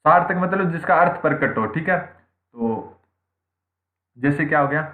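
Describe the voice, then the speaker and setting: A man's voice: a little high, expressive, a little slow. A man teaching Hindi grammar in an online exam-prep class, who keeps asking questions and answering them himself and checks in with "theek hai" after nearly every point. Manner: repeats points, asks and answers own questions. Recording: echoey room, tinny phone-like sound.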